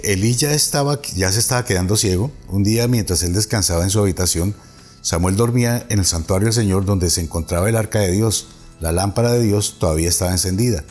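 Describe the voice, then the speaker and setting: A pastor with a Colombian Spanish accent preaches a sermon in a low, slightly mellow voice, reading Bible passages aloud and explaining the scripture. He restarts words at times, and his voice rises in emphasis on the quoted calls.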